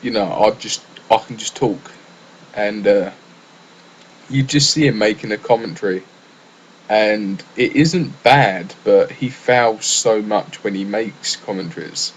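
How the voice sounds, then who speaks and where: Casual solo podcaster: young English man, lowish voice, loose, rambling delivery with lots of fillers. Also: a little slow, slight background noise, poor audio. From England. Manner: rambling, chatty, with frequent fillers and restarts. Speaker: gaming podcaster.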